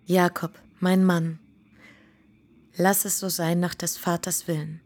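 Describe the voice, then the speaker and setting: Lea, soft and low. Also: female voice, level tone, takes it slowly. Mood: tender. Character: young bride, tender, devoted and self-assured. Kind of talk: radio drama acting.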